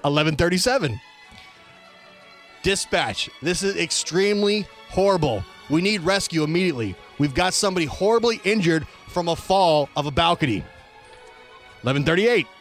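A radio talk show host with a fairly high, animated voice reads quoted reports aloud at a normal pace, delivering them with an emphatic, announcer-like punch. Music plays underneath him throughout.

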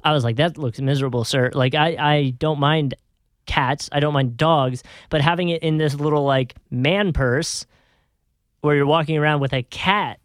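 A man's voice: a little high, a little slow, clear, resonant tone, dry recording, studio quality. A man co-hosting a casual news chat show, joking and rambling as he goes. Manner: joking, rambling, laughs often. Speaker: co-host.

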